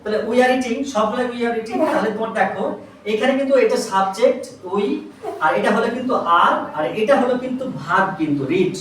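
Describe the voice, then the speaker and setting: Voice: mid-range voice, fairly quick, a bit bright, slight background noise. A tuition teacher giving a classroom grammar lesson, patiently spelling words letter by letter and quizzing the pupils. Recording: echoey room, mic far off.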